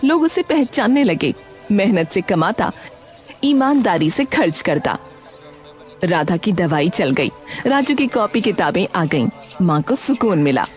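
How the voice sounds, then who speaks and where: A woman narrating an animated story in a dramatic, measured storytelling manner. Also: medium pitch, faint music behind.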